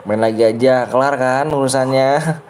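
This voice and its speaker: A young man hosts a live game stream, talking casually at a middle pitch. He argues with his viewers and teases them, laughing often. Faint background noise sits under his voice. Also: fairly even intonation, moderate pace, darkish tone. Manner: argumentative and teasing, often laughing. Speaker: live streamer hosting custom game rooms.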